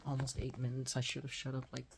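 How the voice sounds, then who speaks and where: A vlogger from Texas, in his forties, talks fast in a completely flat, mid-range voice with vocal fry, and background noise is audible. Using a phone or webcam right by his face in a small home room, he rambles casually, runs himself down, and now and then lowers his voice nearly to a whisper.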